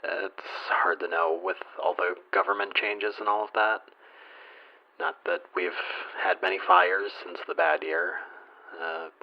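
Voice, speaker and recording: A man's voice: low-pitched, fairly even intonation, unhurried. A man playing a nervous, lonely fire watcher calling a radio station in an audio drama, stammering, hesitant and self-deprecating. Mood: hesitant, wistful. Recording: dull lo-fi radio call.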